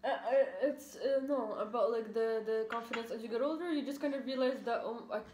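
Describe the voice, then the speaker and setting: A woman's voice: a little high, brisk, a little mellow. A young woman chatting casually with friends in a blunt, teasing way. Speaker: friend joining the video. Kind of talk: casual chat. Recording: echoey room with faint noise.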